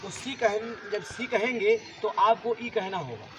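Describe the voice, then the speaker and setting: Male teacher, high-pitched, drilling a class with repeated questions; faint outdoor noise behind. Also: unhurried. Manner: repetitive, asks students questions. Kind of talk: classroom grammar lesson.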